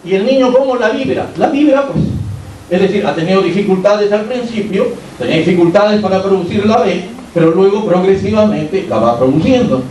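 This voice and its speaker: A fairly high-pitched man with a Peruvian Spanish accent lectures to a class and often checks in with rhetorical questions. His voice goes through a sound system and reaches the mic from across an echoey hall. A faint hiss runs underneath. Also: lively intonation, a little fast, darkish tone, far from the mic. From Peru. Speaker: university lecturer. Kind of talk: academic lecture. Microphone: amplified by a sound system, recorded from the room.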